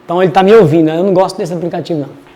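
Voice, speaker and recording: A man's voice: sits high, rapid-fire, dark tone, big-room sound. A man teaching a casual Bible study, chatty and digressive as he reads verses aloud.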